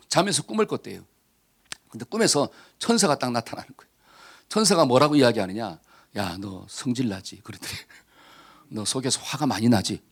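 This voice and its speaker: Husky, animated middle-aged pastor preaching. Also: male voice, high voice. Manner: animated storytelling, calls to the congregation. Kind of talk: sermon.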